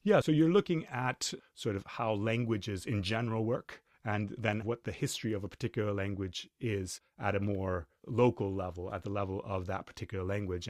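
Deep-voiced man, measured and academic. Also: no echo, studio quality. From Chile. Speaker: linguist, interviewee. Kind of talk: explanatory interview answers.

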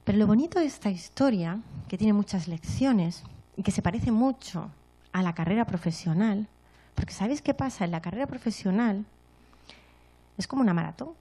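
A woman's voice: mid-range voice, moderate pace, slightly rough. A woman from giving a motivational talk to an audience, telling stories and often checking in with short tag questions. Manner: storytelling, frequent tag questions, lively acted-out moments.

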